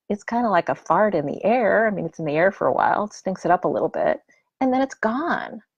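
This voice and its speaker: Husky woman, whispers to intensity. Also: a little high, no room sound, dull audio. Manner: dips into soft whispers, then rises to emphatic intensity. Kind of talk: heartfelt personal talk.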